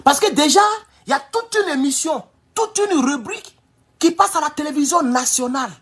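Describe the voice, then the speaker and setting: Animated West African French-accented man. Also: very high-pitched, brisk. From Burkina Faso. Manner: animated, emphatic, with repeated restarts and addresses to "chers camarades". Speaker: commentator. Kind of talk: casual political commentary.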